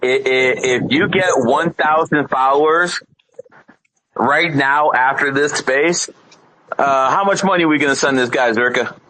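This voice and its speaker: A man's voice: mid-range voice, unhurried, pushed and bright, a little hiss or hum, poor audio. A man bantering casually in a group chat as a co-host, hectoring and repeating his words. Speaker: co-host of a live audio chat room.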